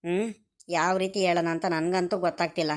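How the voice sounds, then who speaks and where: A woman voicing a poor, dutiful young male farm boy in a village cartoon, explaining things softly and pleadingly in a rural Karnataka Kannada accent. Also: on the low side, fairly even intonation, fairly quick, natural voice. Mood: earnest. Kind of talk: animated cartoon voice acting.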